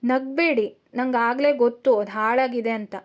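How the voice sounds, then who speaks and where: A woman's voice: on the high side, moderate pace, natural voice. A woman voicing a tearful, stubborn young woman. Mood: sulky.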